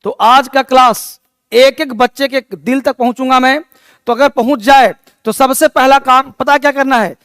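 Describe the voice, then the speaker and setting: A man teaching English in a live online class, energetic and emphatic, drilling sounds by repeating them. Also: very high-pitched, moderate pace, clean tone, dry recording, clean studio sound.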